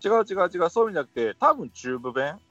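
A man's voice: fairly high pitch, big pitch swings, very fast, highs cut off, over music. A man, explaining things at length in a casual chat. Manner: explaining at length, thinking aloud. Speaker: podcast co-host.

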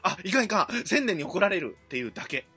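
A man's voice: high voice, fast talker, over music. A man with a Kansai accent co-hosting a casual comedy podcast, acting out lines as he retells them. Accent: Kansai Japanese. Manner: animated, acts out quoted lines with loud jumps. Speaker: podcast co-host.

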